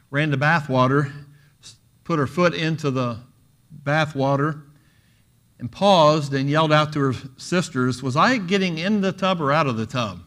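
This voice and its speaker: Bright-voiced man preaching a sermon. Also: medium pitch. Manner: storytelling with jokes, raising voice for quoted lines.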